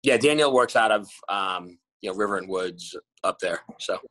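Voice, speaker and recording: On a video call from his bright home room, a man in his forties who owns a restaurant group rambles through interview answers, full of fillers and restarts. He talks at normal speed in a lowish voice with a bright, forceful tone. His laptop camera gives a rough recording without echo.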